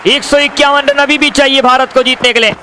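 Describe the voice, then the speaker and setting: A man delivers excited cricket commentary in a very high, forceful voice. He keeps addressing his audience as friends and circles back to stock phrases. A crowd and some noise sit behind him. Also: brisk.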